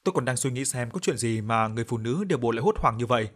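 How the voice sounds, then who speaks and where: A man narrating a story in the first person, with a somber, measured reading and acted dialogue. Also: mid-range voice, animated.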